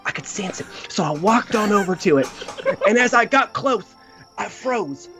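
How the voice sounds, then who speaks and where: A player voicing an earnest, bumbling holy brother who speaks in a halting, dramatic, pious way in a tabletop game. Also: mid-range voice, music in the background, close to an everyday voice. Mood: awed, dramatic.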